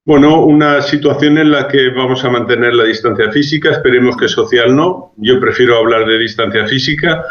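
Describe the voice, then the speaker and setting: A man at a middling pitch speaks as a public health expert in an interview, reasoning step by step with frequent restarts. The sound is roomy and dull, like a lo-fi remote link. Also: a little fast, few pauses. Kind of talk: explanatory interview answers.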